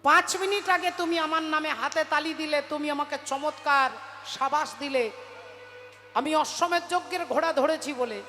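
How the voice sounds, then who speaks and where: A woman's voice: high voice, moderate pace, bright, forceful tone. A woman voicing a young warrior prince who presses his mother with insistent, pleading questions. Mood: pressing. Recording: reverberant hall, faint music.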